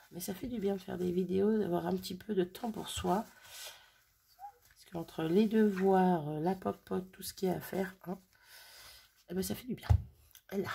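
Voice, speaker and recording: A woman's voice: fairly low pitch, gravelly, mellow, a little hiss or hum. A mother chatting casually as she makes a card at home, thinking aloud while she works. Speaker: crafting vlogger. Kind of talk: casual crafting tutorial chat. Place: home craft table on a sunny day.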